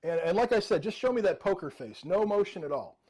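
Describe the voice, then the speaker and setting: A man's voice: sits high, animated, fairly quick, darkish tone, husky, low-quality recording. A middle-aged man performing jokey, interactive mind-reading magic patter as a showman, addressing participants by name. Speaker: virtual magician and mentalist. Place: indoor room with bookshelves, video call.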